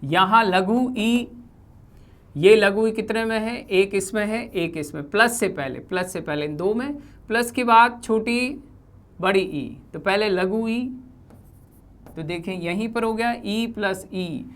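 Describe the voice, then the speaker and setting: A woman teaching Hindi grammar, explaining deliberately and repeating key terms while pointing to examples on a board. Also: mid-range voice.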